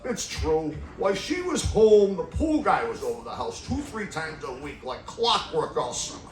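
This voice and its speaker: Stand-up comic, middle-aged man, high bouncy voice, deadpan one-liners, roomy club sound from back of the room. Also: normal speed, recorded from a distance, slight background noise. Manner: deadpan one-liners, laughs at own jokes. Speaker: stand-up comedian. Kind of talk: stand-up comedy set. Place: comedy club stage with live audience. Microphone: stand mic away from mouth.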